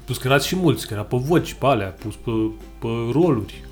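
A man's voice: medium pitch, lively intonation, faint music behind. A man chatting casually as a podcast co-host, joking and now and then putting on other people's voices. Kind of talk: casual chat.

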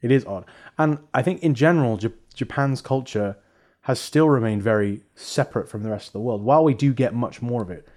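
A man's voice: medium pitch, a little mellow. Man explaining history casually. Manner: explanatory, measured, reads out facts. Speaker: podcast co-host presenting history. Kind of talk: casual chat.

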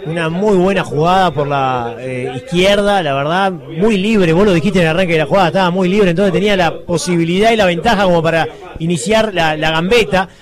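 Over loud crowd noise, a high-voiced man analyses a football match on live radio. He explains each point and repeats it for emphasis. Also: fairly quick. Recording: loud stadium crowd behind. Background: stadium crowd.

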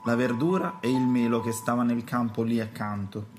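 Man narrating a children's story, calm, mid pitch, faint music under. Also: normal speed.

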